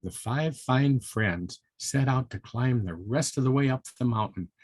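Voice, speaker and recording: An older man reads a story aloud to young children in a playful, chatty way, adding expressive asides and asking his listeners questions. His mid-range voice moves at a measured pace, with no room sound.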